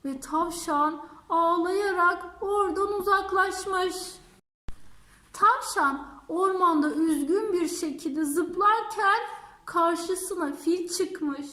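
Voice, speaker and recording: A woman narrates a fairy tale for children, her voice very high and bright. She tells it slowly and carefully. The sound has a roomy echo. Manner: slow, warm-paced storytelling. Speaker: storyteller. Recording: echoey room.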